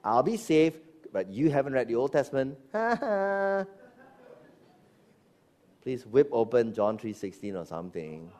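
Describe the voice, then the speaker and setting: A middle-aged man preaching a sermon, animated, firing rhetorical questions and dropping into low asides. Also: a little slow, pauses often. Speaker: pastor.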